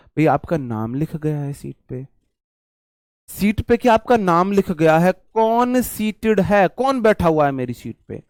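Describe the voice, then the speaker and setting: Brisk Hindi-speaking teacher, dry close sound. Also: male voice, fairly high pitch, a little mellow, no echo. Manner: explains with repetition and memory tricks, addresses viewers as brother. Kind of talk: online vocabulary class.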